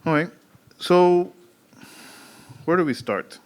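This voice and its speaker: Man, lecturer, moderating Q&A, calm, plain-spoken, slow delivery. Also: on the high side. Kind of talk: lecture Q&A, taking and answering questions.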